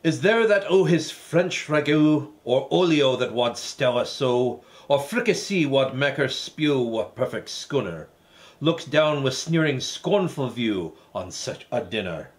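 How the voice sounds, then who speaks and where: A man voicing a theatrical poem reciter in a put-on Scottish accent, declaiming loudly with rolling emphasis. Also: mid-range voice, animated, a little slow, natural voice.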